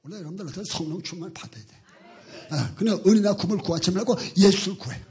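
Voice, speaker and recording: A male pastor preaching a sermon in a sing-song cadence, breaking into shouted exclamations. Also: sits high, quick pace.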